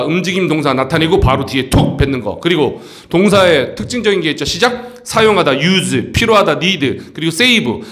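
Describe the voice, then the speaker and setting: A male English tutor giving an exam-prep grammar lesson in a high voice. His pitch swings widely as he talks, and he keeps checking in with the students. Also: a bit bright.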